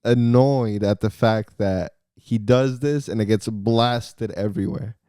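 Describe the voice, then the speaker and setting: A man's voice: on the low side, unhurried, clear, resonant tone, no echo, studio quality. A man co-hosting a soccer podcast, talking casually and mixing English and Spanish. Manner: relaxed, mixes English and Spanish. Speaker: podcast co-host. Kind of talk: casual sports chat.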